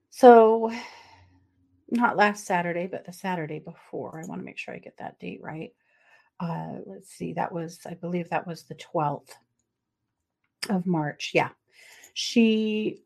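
A middle-aged woman with a fairly low voice co-hosts a podcast. She chats casually at first, then recounts a true crime case, full of fillers and asides.

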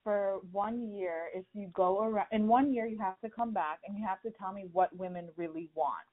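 A woman's voice: mid-range voice, normal speed, lightly acted. A woman voicing a stern queen while casually retelling an old tale, in her own voice over a tinny phone-like line. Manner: casual retelling, barely changed voice.

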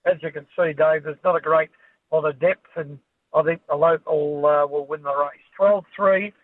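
A man's voice: fairly high pitch, fairly even intonation, normal speed, no room sound. An Australian man giving an unscripted horse racing preview as a form analyst over a phone call to a radio show. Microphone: phone call to radio studio. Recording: tinny, band-limited phone line.

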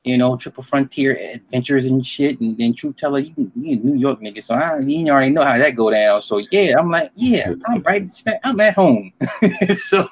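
A man's voice: medium pitch, animated, moderate pace. A middle-aged man in a casual chat, telling rambling stories full of slang and swearing. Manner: profane, slangy, rambling storytelling.

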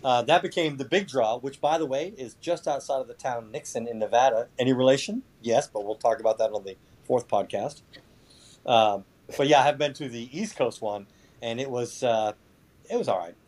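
A man's voice: mid-range voice, moderate pace, a little mellow. A man chatting casually as a podcast guest, sarcastic and foul-mouthed, with mock boasting. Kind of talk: casual chat.

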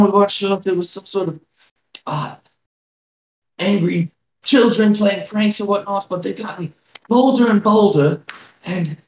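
A man voicing a tiny, very old woman, a worried village elder who welcomes visitors in a halting, pleading manner during a tabletop game. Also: high voice, far from the mic, voice pushed up. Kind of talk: in-character tabletop game role-play. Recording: roomy, dull, off-mic.

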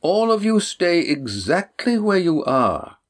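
A man reading a storybook, voicing a stern older woman used to having her own way, speaking in a measured, commanding manner. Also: fairly low pitch, very animated, voice pushed up, exaggerated voice.

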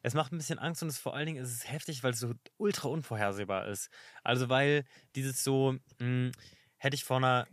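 A man's voice: mid-range voice, a little fast, no echo, clean studio sound. A man hosting a casual podcast chat, eager and affirming. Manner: eager, lots of affirming fillers. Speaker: podcast host.

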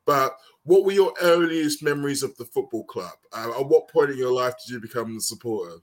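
A man's voice: medium pitch, animated, a little fast. A man hosting a podcast and asking a guest friendly, chatty questions. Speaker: podcast host. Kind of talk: interview.

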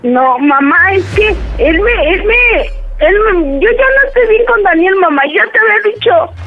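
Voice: very high voice, lively intonation, moderate pace, narrow, tinny audio, noisy background. A flustered young Mexican wife caught cheating. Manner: pleading, flustered, stammering. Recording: radio studio with music behind.

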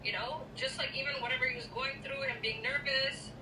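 A high-pitched woman's voice in a noisy, echoey recording, some way from the mic. She recounts a personal story casually, in halting bursts with quoted dialogue acted out. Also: sing-song, far from the mic.

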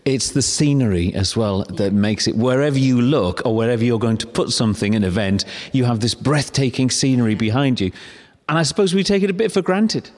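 A man's voice: medium pitch, a little fast, darkish tone, no room sound. A man hosting a podcast, presenting and interviewing in the manner of a travel guide. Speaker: podcast host. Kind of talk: scripted introduction and on-location interviewing.

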